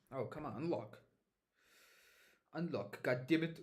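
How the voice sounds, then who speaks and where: A young man streaming himself studying, thinking aloud and mumbling to himself as he works. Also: medium pitch. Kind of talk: muttering while studying on stream.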